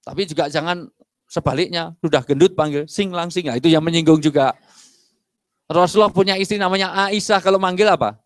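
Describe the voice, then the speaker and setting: Animated preacher, fairly high voice. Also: male voice, a little fast, dry recording, studio quality. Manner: animated, acts out dialogues and jokes with the audience. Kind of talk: lively sermon to a mosque congregation.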